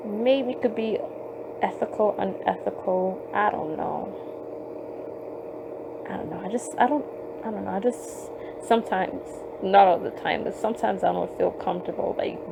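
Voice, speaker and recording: A woman's voice: mid-range voice, gravelly, background noise. A woman hosting a podcast, rambling casually with lots of fillers and swearing, recorded on her phone. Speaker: podcast host. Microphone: phone microphone.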